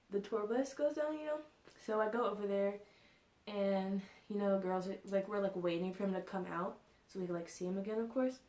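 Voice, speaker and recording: A woman's voice: medium pitch, darkish tone. A young woman telling a story in a chatty vlog, with many fillers and frequent laughs. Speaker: vlogger. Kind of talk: casual storytime. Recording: roomy echo.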